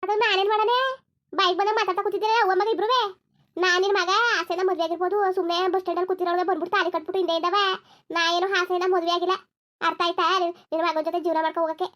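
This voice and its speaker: A woman voicing a fiery young village bride in a cartoon, scolding in rapid-fire retorts with a rural Karnataka Kannada accent. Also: very high-pitched, level tone, fairly bright tone, lo-fi sound. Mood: angry defiant. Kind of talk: cartoon voice acting.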